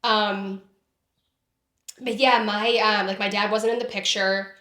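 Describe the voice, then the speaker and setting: A woman's voice: medium pitch, fairly even intonation, slow pace, fairly bright tone. A woman in her thirties speaking candidly and from the heart as an interview guest, with frequent "like" fillers and the odd swear word. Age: 30s. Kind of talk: candid personal conversation. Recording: roomy echo.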